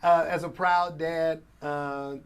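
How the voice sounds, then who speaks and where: A middle-aged American radio program director and morning show host, interviewed as a guest, tells animated stories in a polished, emphatic way, repeating phrases for effect. His voice is a little high, steady, smooth and unhurried.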